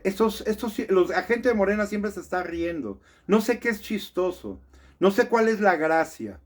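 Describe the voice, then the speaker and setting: A man's voice: fairly high pitch, darkish tone. A man giving an indignant political commentary monologue, full of rhetorical questions and frequent tag questions. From Mexico.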